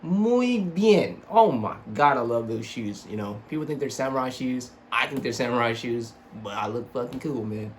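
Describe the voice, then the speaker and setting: A young man talks like a casual vlogger with a slight slur from his braces. He rambles and swears, putting himself down as he reviews, in a middle-pitched voice. Faint noise from the room sits behind him. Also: fairly even intonation, fairly quick, few pauses, a bit bright. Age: young adult. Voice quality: slightly slurred speech from braces. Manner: sweary, self-deprecating, rambling. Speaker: sneaker reviewer. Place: small home room with computer desk.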